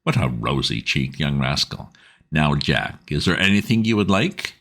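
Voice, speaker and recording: A man voicing a keen, composed gentleman detective who speaks in a measured, coaxing way. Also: a bass voice, very animated, heavily acted.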